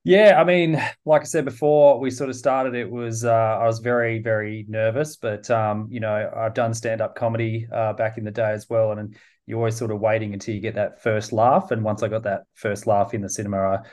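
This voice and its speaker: Low-voiced Australian filmmaker, halting. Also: male voice, level tone, a little mellow. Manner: halting, with restarts. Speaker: filmmaker guest. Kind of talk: casual interview.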